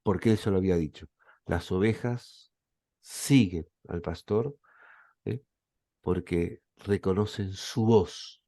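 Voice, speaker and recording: A man with an Argentine accent lectures on scripture in a slow, measured way. His voice sits fairly low, and the recording is dry and close. He often pauses to check that his listeners are following. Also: dark tone, dry recording. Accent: Argentine Spanish. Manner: reflective, checks in with listeners by asking "¿eh?" and "¿mm?". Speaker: professor. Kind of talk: Bible lecture.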